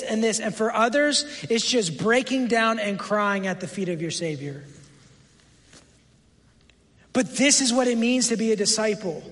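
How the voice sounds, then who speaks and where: A man in his thirties delivers a sermon in a strikingly high voice. He tells stories with animated energy and slips into the voices of the people in them. His words trail off into the long reverb of a church sanctuary. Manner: animated storytelling, acts out quoted voices. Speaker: pastor.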